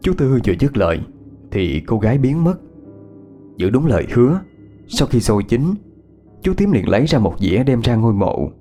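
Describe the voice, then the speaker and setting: A man, narrating a ghost story in a measured, unhurried way. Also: mid-range voice, sing-song, mellow. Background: faint instrumental music.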